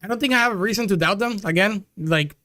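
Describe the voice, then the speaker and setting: A young man with a notably high voice streams live and talks casually to his viewers, loose and chatty. The sound is dry and close, with no room around it. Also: fast, pushed and bright, no echo. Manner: chatty, loose, calls the audience "dude" and "chat".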